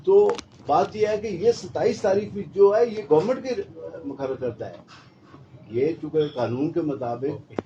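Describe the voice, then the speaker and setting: A middle-aged man, a member of an election commission, explaining a timeline at a press conference in a measured way, often pausing with hesitations. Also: fairly high pitch, mellow. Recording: dull lo-fi audio with faint noise.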